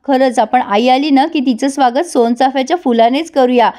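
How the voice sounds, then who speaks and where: A woman's voice: sits high, moderate pace, mellow, close to an everyday voice. A woman voicing a scheming young woman who sneers and snaps. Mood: sneering.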